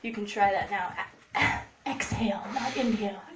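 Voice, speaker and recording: A woman's voice: medium pitch, moderate pace, noisy background. A young woman telling funny stories on a stage, laughing as she goes and acting out what people said. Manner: animated, laughs while telling, acts out quotes. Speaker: storyteller. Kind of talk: live comedic storytelling. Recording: roomy echo, voice from far off.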